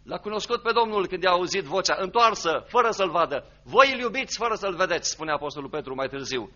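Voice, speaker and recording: A man preaching a sermon, dramatic, rising to loud emphasis and dropping to hushed, low passages. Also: expressive. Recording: dull lo-fi recording.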